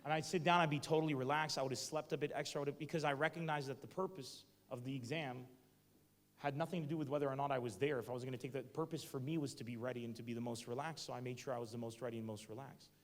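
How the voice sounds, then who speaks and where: A man's voice: mid-range voice, fairly even intonation, rapid-fire. A man, a stand-up comedian, giving a motivational talk to students, joking and questioning the audience directly. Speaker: guest speaker, stand-up comedian. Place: university hall before a student audience. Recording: echoey lecture hall.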